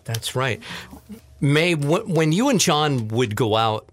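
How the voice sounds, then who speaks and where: A man's voice: a little high, sing-song, slow, no echo. A man hosting an interview, asking long questions in a conversational way. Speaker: interview host.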